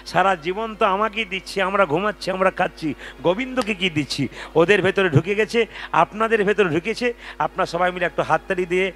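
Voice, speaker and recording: A man leading a devotional kirtan at a live gathering. He sings, then talks to the crowd and urges them to chant louder. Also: high voice, brisk. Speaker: kirtan lead singer. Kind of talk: devotional singing and exhorting the audience.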